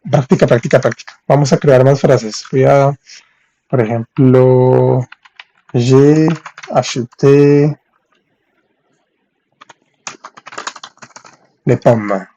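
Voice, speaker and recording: A man teaching French in on a live stream, reading viewers' comments and saying French examples slowly. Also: medium pitch, mellow. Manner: reads viewers' chat, thanks them for gifts, spells French slowly. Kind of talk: live-streamed language lesson.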